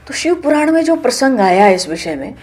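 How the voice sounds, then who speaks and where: A woman giving a devotional scripture storytelling discourse, moving between hushed asides and raised emphasis. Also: a little high, very animated, a little fast, breathy edge.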